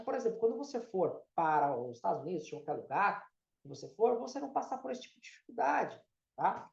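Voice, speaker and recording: Brazilian guy teaching english, gravelly bouncy voice, keeps saying "tá?", roomy dull recording. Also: very high voice, a little mellow. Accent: Brazilian Portuguese. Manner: keeps checking in with "tá?" and drills pronunciations by repeating them. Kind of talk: casual explanatory lesson. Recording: roomy, slightly dull sound.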